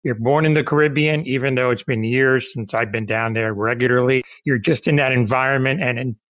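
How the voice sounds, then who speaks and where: A man's voice: mid-range voice, fairly even intonation, brisk, fairly bright tone, dry recording. Cuban-born man hosting an interview. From Cuba. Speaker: interview host. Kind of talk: casual interview chat.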